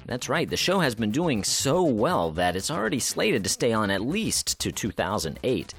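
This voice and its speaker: A man's voice: mid-range voice, sing-song, moderate pace, gravelly, soft background music. A man hosting a theater news podcast, reading the week's items in an upbeat, promotional way and often saying "of course.". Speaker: podcast host.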